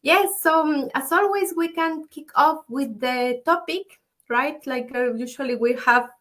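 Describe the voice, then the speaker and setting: A woman hosts a relaxed online conversation. Her voice sits a little high, and she speaks in a halting way with frequent ums and uhs. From Ecuador. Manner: halting, many fillers. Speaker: host.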